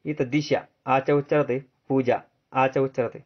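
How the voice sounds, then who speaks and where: A man with a Marathi accent teaching a grammar lesson, drilling students with repeated questions and answering them himself in a lower, softer voice. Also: flat delivery, brisk. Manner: answers drop low and soft. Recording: dull lo-fi sound.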